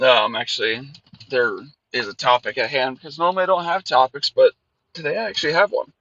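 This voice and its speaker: A man talks loosely and rambles, with plenty of fillers. His voice is bright and forceful, but it comes through with a tinny, tin-can sound. The dull, lo-fi audio was recorded in a car while he drives. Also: mid-range voice, fairly quick, no echo. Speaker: anime reviewer. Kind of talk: rambling casual episode review.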